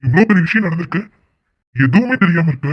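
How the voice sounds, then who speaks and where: A man's voice: a little high, lively intonation, fast talker, husky, no echo, highs cut off. A man voicing a blunt younger brother who scolds his sister in a cartoon drama. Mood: scolding. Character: harsh, scornful younger brother. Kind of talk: cartoon voice acting.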